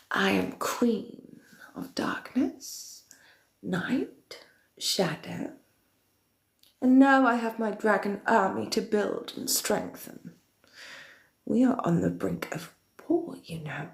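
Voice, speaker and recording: A woman with a medium-pitched voice portrays a centuries-old, villainous, theatrical queen of darkness, chatting in character with viewers. She speaks slowly and theatrically, often in a breathy whisper, and the recording has a roomy echo.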